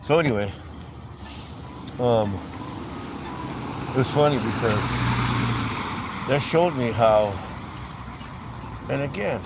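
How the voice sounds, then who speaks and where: A man's voice: mid-range voice, animated, slow pace, long pauses. Chatty middle-aged man livestreaming from a car. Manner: rambling, chatty, with frequent "anyway" and "um". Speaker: livestream host. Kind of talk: casual storytelling while driving. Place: in a car on city streets. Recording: street traffic noise. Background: traffic and city ambience.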